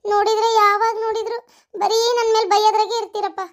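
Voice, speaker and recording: A woman's voice: very high voice, little pitch movement, fast. Woman voicing a pleading young wife. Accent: North Karnataka Kannada. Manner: pleading, protesting. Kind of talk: cartoon story voice acting.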